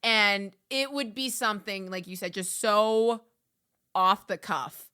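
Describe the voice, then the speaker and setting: A woman co-hosting a relaxed podcast chat, agreeable and quick to chime in. Her tone is bright and crisp, and her pitch sits mid-range. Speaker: podcast co-host, haunted attraction manager.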